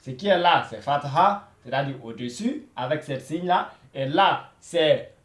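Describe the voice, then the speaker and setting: Slow, echoey man teaching Arabic. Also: fairly high pitch, lively intonation. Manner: slow, repetitive, says "voilà" often. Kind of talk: beginner language lesson.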